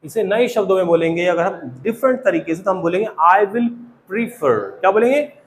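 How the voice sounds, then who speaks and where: A man's voice: sits high, fast, poor audio. A man teaching spoken grammar in a classroom, often asking the class questions and repeating key words. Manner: quizzing students with repeated questions.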